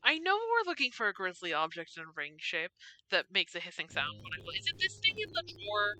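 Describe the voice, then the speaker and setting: A woman's voice: mid-range voice, wildly swooping pitch, a little fast, bright, forceful tone, low-quality recording. A woman streamer giving casual commentary while she plays a game, muttering to herself and breaking into exasperated cursing.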